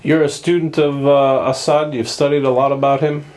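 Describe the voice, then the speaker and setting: A man's voice: medium pitch, little pitch movement, normal speed, darkish tone. A man hosting a TV interview show, joking and often cutting into his guests' answers. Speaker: talk show host. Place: TV studio.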